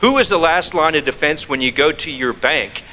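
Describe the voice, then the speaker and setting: A man's voice: fairly high pitch, lively intonation, normal speed, pushed and bright, long reverb tail. A man giving a scam-prevention presentation to an audience, firing off rhetorical questions and repeating key phrases for emphasis. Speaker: fraud prevention speaker.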